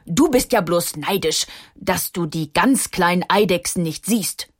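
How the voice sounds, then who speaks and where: A woman voicing a big, heavy male stone with a gruff, grumbling but friendly manner in a children's story. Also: on the low side, animated, a little slow.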